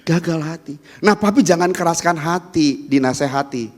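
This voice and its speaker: Pastor guy preaching at sunday church, high voice, keeps asking the crowd questions. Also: moderate pace. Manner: animated preaching, addressing the congregation with rhetorical questions. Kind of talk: sermon. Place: church during a Sunday service.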